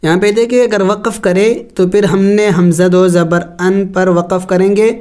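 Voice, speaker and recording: A man teaching tajweed, spelling out Arabic letters slowly and reciting, then explaining the rules. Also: high voice, steady tone, darkish tone, smooth. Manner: slow drawn-out recitation between plain explanations.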